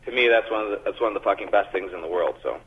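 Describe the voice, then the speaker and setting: A man's voice: on the low side, rapid-fire, slightly rough. A man talking loosely and crudely on speakerphone during a phone interview, rambling with laughs. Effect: on speakerphone over a phone call. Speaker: band member interviewed by phone. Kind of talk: casual joking chat. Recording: muffled, tinny speakerphone line.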